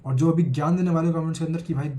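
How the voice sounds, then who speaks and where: A man's voice: on the high side, fairly even intonation, racing, mellow, a little hiss or hum. An 18-year-old man with an Indian accent, talking earnestly to camera in a casual vlog, recovering from a cold. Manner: earnest, mixing Hindi and English. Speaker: student vlogger.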